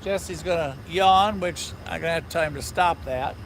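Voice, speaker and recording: A railfan livestream host talks upbeat and directly to his viewers from trackside in a small town's downtown at night. His pitch is fairly high and his pace a little slow, with slight background noise.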